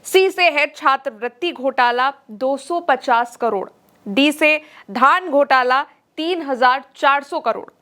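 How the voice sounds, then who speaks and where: A woman's voice: sits high, fairly bright tone. A woman presenting scripted political news narration in an emphatic, dramatic way.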